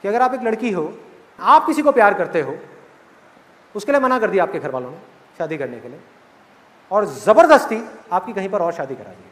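A man's voice: high-pitched, big pitch swings, brisk, long pauses, a bit bright, long reverb tail. A man giving a conversational motivational talk to a live audience, often putting questions to the listeners. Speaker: motivational speaker. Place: large hall with audience.

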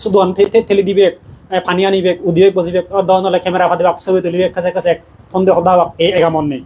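A man, a Buddhist monk, giving a dhamma talk in a quick, conversational preaching manner with laughs. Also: high-pitched, level tone, darkish tone.

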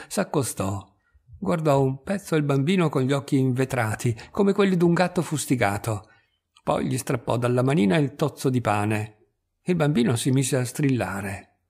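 A man reading a literary short story aloud in a measured, even narration. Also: mid-range voice, creaky. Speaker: reader.

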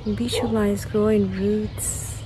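A middle-aged woman guides a meditation very slowly and gently, leaving pauses between short, repeated phrases and slipping into chanted made-up syllables. Her pitch sits in an ordinary female range. She is outdoors, with clear ambient noise and birds chirping around her. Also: flat delivery. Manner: slow, gentle, soothing, with repetition and long pauses. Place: outdoors in a garden among trees.

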